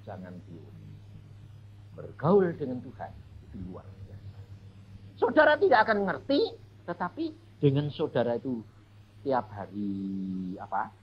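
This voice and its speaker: A male evangelist with a Javanese accent and a medium-pitched voice full of huge pitch swings preaches at a measured pace, pausing often. His humorous, chatty sermon is built on storytelling, speaking straight to the congregation and calling them "saudara". The recording has its highs cut off and a little hiss or hum.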